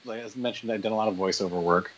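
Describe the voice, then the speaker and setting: A man guest on an interview podcast, telling animated stories in casual chat and quoting people in their voices. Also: on the low side, rapid-fire. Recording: dull lo-fi sound.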